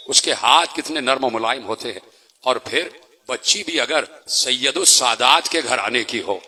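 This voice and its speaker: A man preaching an impassioned mourning sermon, exhorting the crowd with rapid rhetorical questions. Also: mid-range voice, sharp tone, husky.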